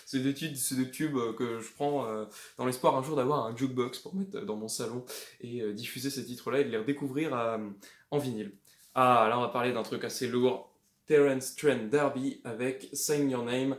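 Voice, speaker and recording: A man chatting casually about his secondhand records, hesitant and rambling but fond of the music. His voice sits at an ordinary middle pitch. The room gives it a noticeable echo. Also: fairly even intonation, normal speed. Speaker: record collector vlogger. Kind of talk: casual show-and-tell of flea-market finds. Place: indoors at home. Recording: echoey room.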